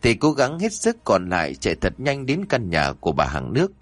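A man narrating a horror story in a suspenseful, expressive way. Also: on the low side, brisk, no room sound.

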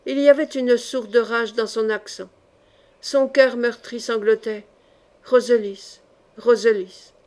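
A woman narrating an audiobook with measured, steady storytelling. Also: on the high side. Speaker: audiobook reader. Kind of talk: audiobook narration of a historical novel.

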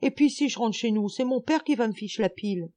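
A woman voicing a rowdy, excitable peasant schoolboy who shouts and swears in coarse rural slang. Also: mid-range voice, unhurried, pitched above the performer's own voice. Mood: whining.

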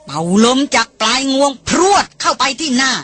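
A woman reading an adventure novel aloud as an audiobook in a steady, measured storytelling voice. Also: high voice, husky. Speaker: audiobook reader. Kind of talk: scripted narration.

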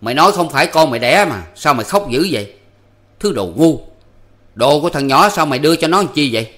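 A man voicing a harsh, bullying village man who yells and scolds contemptuously in a spoken storybook reading. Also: fairly high pitch, lively intonation, fast talker, pitched above the performer's own voice. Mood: furious.

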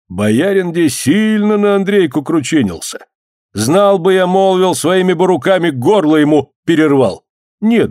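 A man's voice: a little high, a little mellow, no echo, studio quality, close to an everyday voice. A man playing a sly old village priest who offers pious comfort in an oily, sermonizing way.

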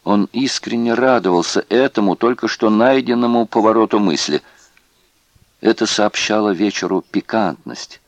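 A man reads a novel aloud in expressive scripted narration. His low voice has a gravelly texture, and his pitch moves a lot through the lines. The sound is dry and close. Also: normal speed, dry recording. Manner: expressive storytelling. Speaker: audiobook narrator.

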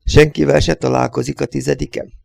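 A man voicing a calm, methodical male thinker who reasons step by step in a storybook reading. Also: mid-range voice, creaky, no room sound, voice pushed up. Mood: thoughtful. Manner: measured, deliberate.

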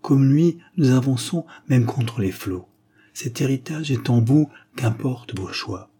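A man's voice: mid-range voice, animated, slow, mellow, slightly rough, pitched above the performer's own voice. A man voicing a stern, proud aristocratic father, an aging marquis, in an audiobook, solemn and insistent.

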